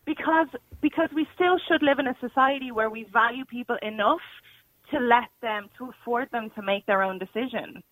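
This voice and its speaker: Woman caller on a phone line to a talk show, earnest and halting, bright tone, crisp dry sound. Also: fairly high pitch, no room sound. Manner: earnest, halting, many restarts and fillers. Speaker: radio caller. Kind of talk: call-in debate. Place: calling in by phone, not in the studio.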